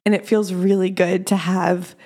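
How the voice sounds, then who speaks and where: Female business coach for a solo podcast: motivational life-coach delivery, encouraging, direct, with noticeable creak. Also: lowish voice, flat delivery, normal speed, mellow.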